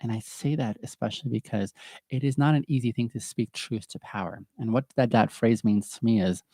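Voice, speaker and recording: A man's voice: medium pitch, a little fast, warm tone, no echo, studio quality. A middle-aged man hosting a podcast from home, talking in a chatty, earnest way and often laughing at himself. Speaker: podcast host. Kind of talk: casual reflective monologue.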